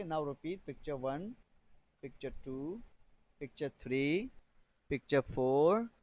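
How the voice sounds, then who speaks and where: A man teaching a beginner English lesson, reading drill sentences slowly and repeating phrases for learners to copy. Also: on the high side, darkish tone, poor audio.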